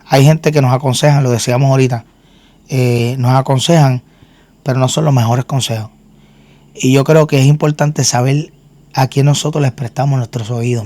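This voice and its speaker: A man's voice: mid-range voice, dark tone, dry recording. A man, a minister, telling his own story in a faith interview, earnest and often repeating words as he restarts. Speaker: guest minister and singer.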